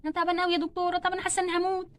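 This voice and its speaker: A woman's voice: very high-pitched, monotone, rapid-fire, pitched above the performer's own voice. A woman with an Egyptian accent voicing Barbie, a young doll in labour, whimpering and pleading. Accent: Egyptian Arabic.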